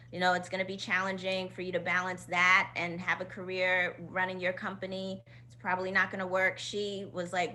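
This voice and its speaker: A woman's voice: fairly low pitch, bright, forceful tone. A woman with a Queens, New York accent talking casually in an interview as a guest, emphatic and heartfelt. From Queens, New York, United States. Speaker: guest, choreographer and company founder.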